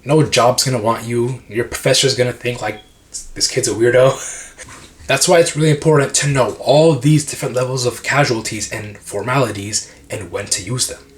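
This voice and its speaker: Energetic, slangy male language tutor. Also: mid-range voice, normal speed. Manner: energetic, slangy, laughs often. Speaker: language-learning YouTuber. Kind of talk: casual educational video.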